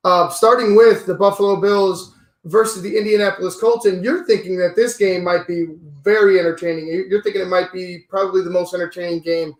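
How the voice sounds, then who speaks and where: A man's voice: high voice, fairly even intonation, brisk, reverberant. A hungover man with a slight headache hosting a casual sports podcast.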